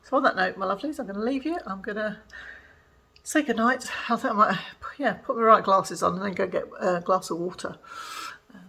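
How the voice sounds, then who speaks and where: A woman's voice: mid-range voice, a little fast, vocal fry, bright, forceful tone, husky. An older woman chatting casually in a home crafting vlog, rambling with many fillers. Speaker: vlogger. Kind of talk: casual chat.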